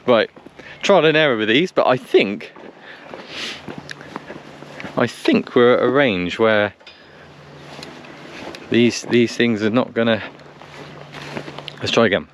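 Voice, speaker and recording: A man speaks slowly, with long pauses, in a medium-pitched voice as he vlogs about testing two-way radios. Standing outdoors on a country lane, he makes radio calls and chats casually, repeating himself as he thinks aloud, while vehicles add noise to the recording.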